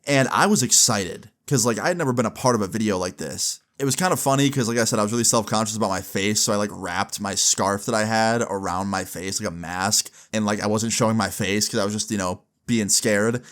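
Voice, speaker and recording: A man's voice: lowish voice, fairly quick, hardly any pauses, fairly bright tone. A young adult man telling a personal story casually, in slangy, sweary language, acting out bits of dialogue as he goes. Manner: informal slang-heavy, swearing, acts out dialogue. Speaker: YouTube storyteller.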